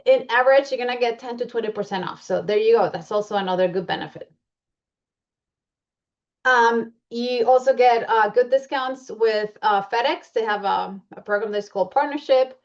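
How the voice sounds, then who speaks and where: A Colombian-accented woman with a fairly high voice walks through slides at a moderate pace, presenting membership benefits. Her delivery is chatty, full of fillers and restarts, and the audio sounds dull.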